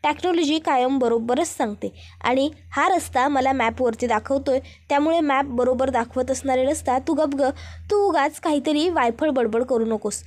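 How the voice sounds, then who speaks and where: A woman's voice: high-pitched, moderate pace, darkish tone, lightly acted. A woman voicing an arrogant, bossy rich young man who scolds and dismisses. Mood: scornful.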